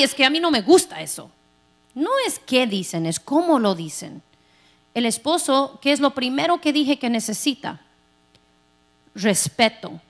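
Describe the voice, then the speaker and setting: A woman pastor preaching a sermon in an animated way, acting out everyday scenes. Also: sits high.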